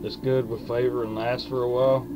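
Heavy background noise, mostly country music, sits behind a young man's mid-range voice as he rambles to camera reviewing dip, his pitch barely moving. With a lip full of dip, he speaks in a folksy, drawn-out, hesitant way, recorded on a webcam mic at arm's length in a small wood-panelled room.

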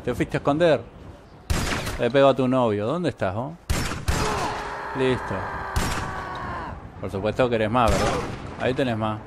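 A man with a Rioplatense accent giving excitable, mocking gameplay commentary and swearing often. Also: medium pitch, normal speed, long pauses, very noisy. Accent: Rioplatense Spanish. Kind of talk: casual let's-play commentary. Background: game music and gunfire.

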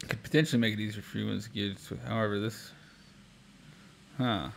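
A man vlogging casually, thinking aloud while testing software, rambling with restarts. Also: lowish voice, fairly even intonation, a little fast, vocal fry, a little hiss or hum. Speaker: tech vlogger.

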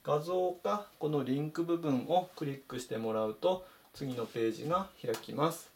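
A man teaching English vocabulary in Japanese, saying each word slowly and clearly in a voice-over lesson. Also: fairly high pitch, a little mellow. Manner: slow, careful spelled-out pronunciation of English words.

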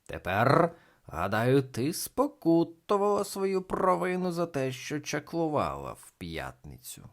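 A man doing Abraxas, a slow wise raven. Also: a little high, wildly swooping pitch, vocal fry, pitched above the performer's own voice, full character voice. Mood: approving. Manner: slow, measured, instructive. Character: wise male talking raven companion.

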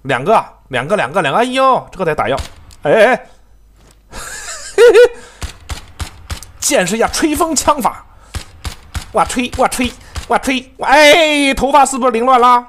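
A man giving excitable, profanity-laced live commentary on his own game, laughing and talking to his teammates. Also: very high-pitched, unhurried, pauses often, slight background noise. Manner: excitable, swears often, laughs, talks to teammates. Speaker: game streamer.

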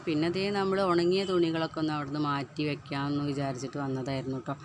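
Woman, homemaker from Kerala, quick chatty voice-over, medium pitch, slight background hiss. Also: a little mellow. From Kerala, India. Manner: chatty, keeps adding the tag "you know?" to her sentences. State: recovering from a tooth extraction. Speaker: housewife vlogger. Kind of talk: casual voice-over narrating daily chores.

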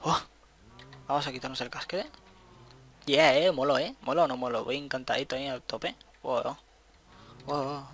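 Bright-voiced excitable male gamer. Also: mid-range voice, normal speed, pauses often. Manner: chatty, excitable, thinks aloud. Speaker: gameplay commentator. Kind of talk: casual let's-play commentary.

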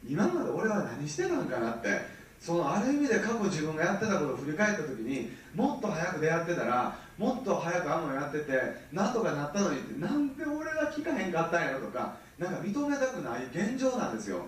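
Kansai man in his 30s, fast and lively seminar speaker, recorded far off in a very echoey hall. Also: on the high side. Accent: Kansai Japanese. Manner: animated, keeps checking the audience with rhetorical questions. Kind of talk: motivational seminar talk.

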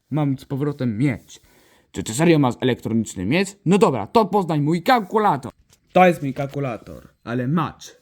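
A man acts out a toy adventure, his voice sitting high and leaping up and down as he exclaims and switches between characters. He takes it at an unhurried pace, with frequent gasps and shouts. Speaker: toy play storyteller.

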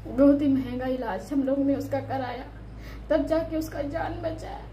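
Here a thirty-something mom who vlogs talks about her family and her girls, tearful and prayerful, occasionally yelling at the kids. Her high-pitched voice moves at a measured pace. The audio has its highs cut off and a slight background noise, and the setting is a laid-back devotional family vlog.

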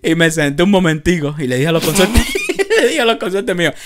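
A young man from Cuba with a Havana accent, telling lively anecdotes on a casual podcast with lots of street slang. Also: sits high, brisk. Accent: Cuban, Havana. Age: young adult. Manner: animated anecdotes with frequent laughter and street slang. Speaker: podcast co-host. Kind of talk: casual chat, storytelling.

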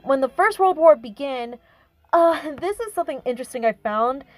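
A woman's voice: high voice, lively intonation, normal speed, no echo, soft background music, low-quality recording. A woman hosting her own channel, chatting casually about history while showing her speed art, often correcting herself. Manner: chatty, with frequent self-corrections. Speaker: YouTube artist and channel host.

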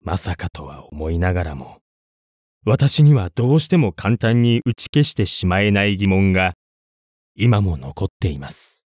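A man reads a scripted ghost story in a low voice. His intonation moves widely, building suspense with deliberate pauses. The recording is close and dry. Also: sing-song, darkish tone, no echo. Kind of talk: scripted horror story narration.

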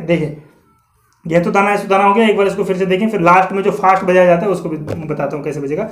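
High-voiced man teaching tabla. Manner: explains patiently, then slowly recites drum syllables. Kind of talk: online music lesson. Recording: echoey room with loud tabla. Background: tabla playing.

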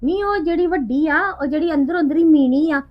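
Her voice sits high and moves quickly, lightly acted, as the actress plays an aggrieved village woman in a short film. She indignantly rambles through grievances about her in-laws, quoting them; the sound is dull lo-fi with faint music.

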